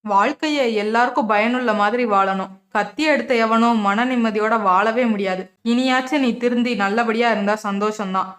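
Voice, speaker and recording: A woman voicing a calm, principled young husband who soothes his wife. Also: on the high side, moderate pace, few pauses, close to an everyday voice. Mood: firm.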